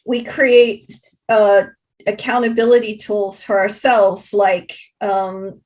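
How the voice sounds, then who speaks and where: Speaking at a medium pitch, a woman answers interview questions on behalf of a project, explaining slowly and haltingly while stressing key words.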